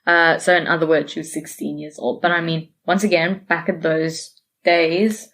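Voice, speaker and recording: Low-voiced woman telling a case. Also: steady tone, moderate pace, a bit bright. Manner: chatty, self-correcting, laughs easily. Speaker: podcast co-host presenting a case. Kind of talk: casual conversational storytelling.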